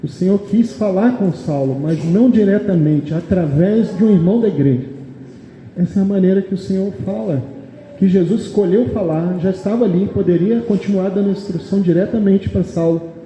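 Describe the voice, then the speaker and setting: A man's voice: high-pitched, fairly quick, mellow. A man with a Brazilian Portuguese accent preaching a sermon in a church meeting, reading verses aloud and explaining them, often asking the congregation "amém?". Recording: echoey hall, long reverb, faint background noise.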